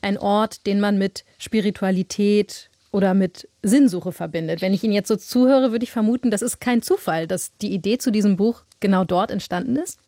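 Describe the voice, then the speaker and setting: Female host, calm and probing, warm tone, dry studio sound. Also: mid-range voice, a little fast, few pauses, dry recording. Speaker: interviewer, host. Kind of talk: radio interview questions.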